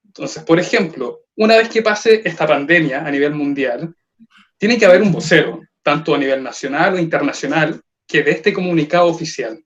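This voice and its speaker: A man's voice: a little high, normal speed. A man, a voice trainer explaining points in an online seminar and posing rhetorical questions. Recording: dull lo-fi call audio.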